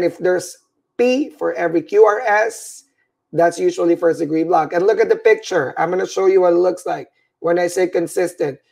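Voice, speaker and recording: Teaching an EKG class over webcam, a middle-aged Filipino nursing instructor for whom English is a second language sounds tired and keeps repeating "right?" and "all right?". His voice is high, gravelly, and a little mellow.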